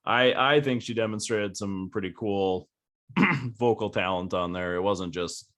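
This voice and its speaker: Low-voiced man co-hosting a podcast. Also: normal speed. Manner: relaxed, laughs often, many fillers. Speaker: podcast co-host. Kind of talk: casual chat. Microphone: video call. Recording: video call.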